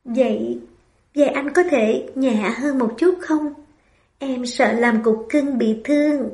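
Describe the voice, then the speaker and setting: A woman's voice: high voice, a little slow, roomy sound, pitched above the performer's own voice. A woman putting on a timid, fragile young wife. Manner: soft, hesitant and childlike.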